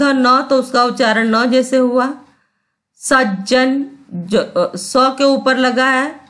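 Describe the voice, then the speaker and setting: A woman's voice: on the high side, fairly bright tone. A woman teacher giving a grammar lesson, patient, repeating sounds and often checking that students understand.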